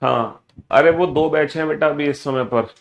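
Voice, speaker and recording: A man teaching a live online class, energetic, repeating his phrases and mixing Hindi with English terms. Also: fairly high pitch, moderate pace, creaky. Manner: energetic, repeats phrases in sing-song greetings.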